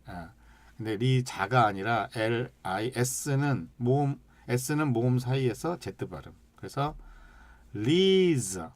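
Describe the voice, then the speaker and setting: A man teaching an English lesson, stretching out sounds and syllables slowly as he demonstrates, and asking the class questions that he then answers himself. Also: mid-range voice, no echo. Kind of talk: lecture with slide examples.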